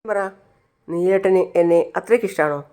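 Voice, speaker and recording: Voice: medium pitch, moderate pace, mellow, clear, resonant tone, natural voice. A playful young woman, coaxing and teasing in a light, sing-song way, as a storyteller puts her on. It is an everyday voice with little disguise.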